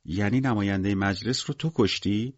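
A man's voice: lowish voice, no echo, highs cut off, natural voice. A man voicing a bewildered, timid writer in an audiobook, asking hesitant questions. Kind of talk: audiobook character voice.

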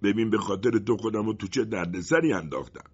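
A man's voice: fairly low pitch, slightly rough. A man voicing a grumbling old wooden hut. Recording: muffled lo-fi recording.

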